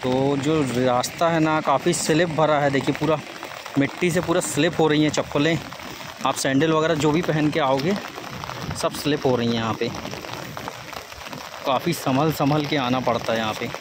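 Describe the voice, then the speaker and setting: A man's voice: fairly high pitch, steady tone. Man vlogging beside a roaring waterfall. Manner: chatty, pointing things out to viewers. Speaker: travel vlogger. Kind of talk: casual walking tour narration. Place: outdoors at a rainy waterfall. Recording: loud outdoor water noise. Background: loud rushing water.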